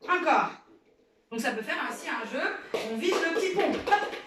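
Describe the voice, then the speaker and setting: A woman's voice: high-pitched, lively intonation, moderate pace. A mother demonstrating play games at home, encouraging and coaching her child as she explains to viewers. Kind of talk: casual how-to demonstration for viewers. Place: home indoors, small space. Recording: very echoey room, distant mic, faint noise.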